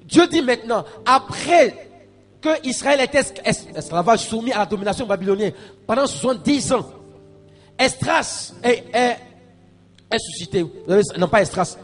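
A male pastor delivering a sermon in a high voice. He stumbles and repeats himself, then drives hard at his listeners with calls and shouted lines. Soft music runs underneath. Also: animated, normal speed, long reverb tail. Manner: preaching with call-and-response to the congregation, rising to shouts; stammers and repeats words.

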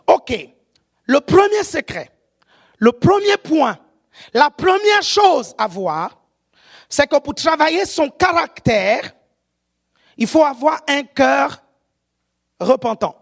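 A preacher with an African French accent gives a sermon, often shouting and checking whether the audience is following. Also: sits high, gravelly. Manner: animated, often shouting, keeps asking the audience if they follow.

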